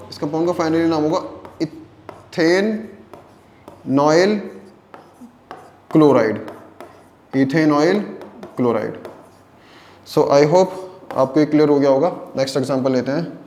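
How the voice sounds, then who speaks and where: A man's voice: a little high, a little mellow, echoey room. A man teaching chemistry in a lecture, asking questions and answering them himself, repeating key terms and mixing English terms into his speech. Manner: mixes English terms into Hindi.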